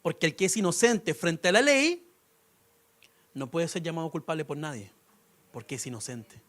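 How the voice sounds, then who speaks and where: A man's voice: a little high, animated, normal speed, a bit bright. A young man preaching a sermon in a conversational way, with humor and rhetorical questions. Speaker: pastor.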